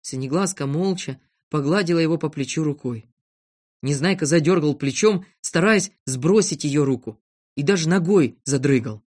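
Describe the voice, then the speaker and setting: A reader calmly narrating a children's storybook. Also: medium pitch, moderate pace.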